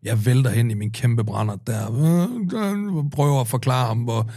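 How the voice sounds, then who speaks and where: A man's voice: medium pitch, lively intonation, warm tone, dry recording, clean studio sound. A man in his forties, a podcast guest, telling a rambling anecdote casually, swearing often and full of fillers. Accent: Danish. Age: 40s. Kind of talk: casual storytelling.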